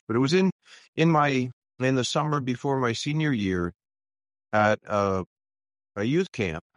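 On a radio interview, an older Louisiana pastor earnestly shares his testimony as a guest, often restarting and using fillers. His voice is on the low side and has no echo.

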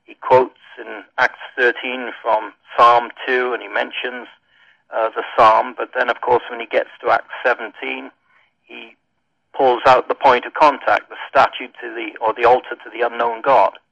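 Gravelly Welsh man on dull radio audio. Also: medium pitch, level tone, sharp tone, no echo. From Wales. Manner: thoughtful, pauses with many ums. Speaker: minister and radio guest. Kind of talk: radio interview answer.

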